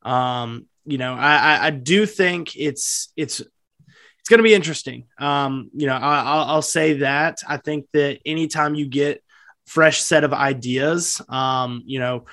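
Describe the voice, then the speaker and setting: A man co-hosting a sports podcast, talking football in a casual, halting way with many fillers and restarts. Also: on the high side, bright, forceful tone, no room sound, clean studio sound.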